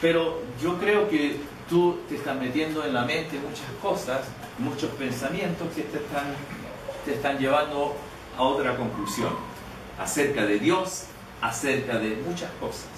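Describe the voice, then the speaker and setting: A Canadian man with a fairly high voice preaches a sermon, relating a personal story in a halting, conversational manner and often restarting and repeating words. The recording is distant, echoey and noticeably noisy.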